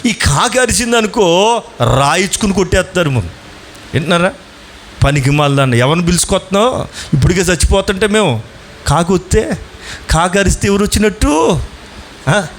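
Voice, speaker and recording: A fervent man delivers a Sunday sermon in a fairly high voice, firing questions at his congregation and waiting for replies. He stretches key phrases slowly, then races through asides. A faint hum of the room sits behind him. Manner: asks the congregation questions and urges answers; swings between slow emphatic lines and fast asides. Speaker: pastor.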